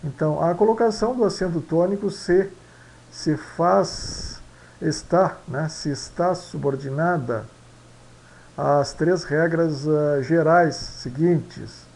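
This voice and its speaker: A man explaining Latin pronunciation slowly and repetitively, mixing in Spanish phrases and often asking "né?". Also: fairly high pitch, vocal fry, a little mellow, a little hiss or hum, low-quality recording. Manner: slow, repetitive, tag questions after each point; mixes Spanish phrases into Portuguese. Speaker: language teacher.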